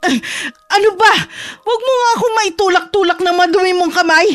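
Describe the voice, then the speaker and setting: A woman's voice: high-pitched, normal speed, no room sound, faint music behind, close to an everyday voice. A woman playing a haughty rich mother. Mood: defiant. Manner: condescending, cold, defiant. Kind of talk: Tagalog audio drama acting.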